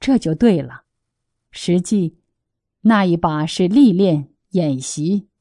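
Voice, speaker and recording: A woman reading the part of a calm Buddhist teacher who gives guidance in a gently instructive way. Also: mid-range voice, takes it slowly, no echo, studio quality.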